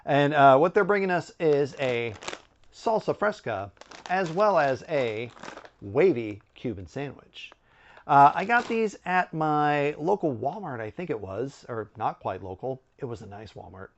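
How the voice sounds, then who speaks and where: A middle-aged man giving a casual product review to camera, conversational, with musing pauses and asides. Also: mid-range voice, sing-song, highs cut off. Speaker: snack review video host. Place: indoor room with bookshelves.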